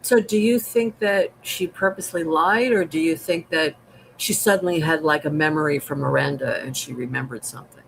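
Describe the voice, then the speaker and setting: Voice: mid-range voice, brisk, vocal fry, fairly bright tone, slight background noise, rough recording. A host in a casual live TV recap, often agreeing and asking the co-host questions. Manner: affirming, asks questions.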